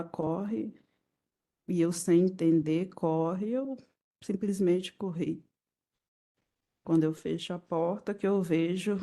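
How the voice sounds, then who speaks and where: A woman with a Brazilian Portuguese accent gives courtroom testimony in a low, gravelly voice with a dark, mellow tone. She speaks very slowly in halting, broken-up phrases. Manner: halting, fragmented retelling. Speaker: victim testifying as witness.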